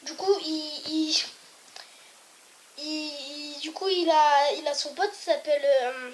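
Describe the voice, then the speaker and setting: A woman's voice: high-pitched, fairly even intonation, slow pace. A woman telling jokes casually to her viewers, hesitant and rambling, stopping to restart and apologize. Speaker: joke teller. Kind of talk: casual joke telling to camera.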